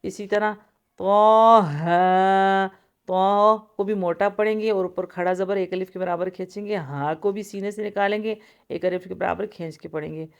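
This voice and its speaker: A woman's voice: mid-range voice, fairly even intonation, few pauses. A woman teaching Quran recitation rules, patiently explaining each letter and stretching out recited sounds. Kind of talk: tajweed lesson, explaining and reciting.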